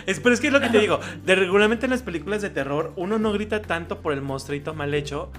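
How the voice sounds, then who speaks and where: A Mexican man co-hosting a laid-back podcast, with a bright, forceful voice that sits high for a man. He jokes around and breaks into shouts and bits of song. Faint music plays underneath. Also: animated, fast. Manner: playful, bursts into shouts and sung snippets. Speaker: podcast co-host. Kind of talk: casual podcast chat.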